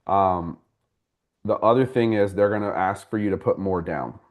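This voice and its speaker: Low-voiced man explaining mortgages casually. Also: normal speed. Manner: conversational, explains step by step and addresses viewers by name. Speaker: mortgage broker and class host. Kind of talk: live class with audience questions.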